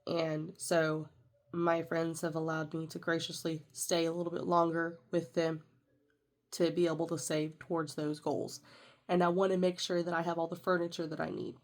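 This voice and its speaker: Congested and nasal from a sinus infection, a young woman walks through her budget planner on her vlog. Her voice sits low with a flat delivery at a moderate pace, and she chats casually, rambling with fillers and correcting herself.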